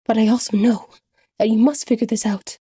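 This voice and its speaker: A woman voicing a kind, supportive android who speaks gently and reassuringly. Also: a little high, fairly even intonation, a little fast, husky. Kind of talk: fan audiobook voice acting.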